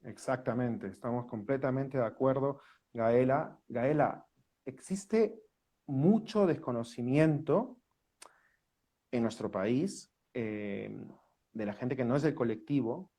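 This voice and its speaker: Peruvian guy hosting a live video call, eager and welcoming, jumps in quick. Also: medium pitch, warm tone. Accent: Peruvian Spanish. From Peru. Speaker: host. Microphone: phone or webcam on a video call.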